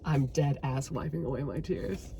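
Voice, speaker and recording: A woman chatting casually about a novel she read, animated and swearing freely as she acts out her own reactions. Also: extremely low pitch, moderate pace, creaky, background noise. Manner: animated, swearing, quotes herself dramatically. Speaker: book vlogger. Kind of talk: casual book chat.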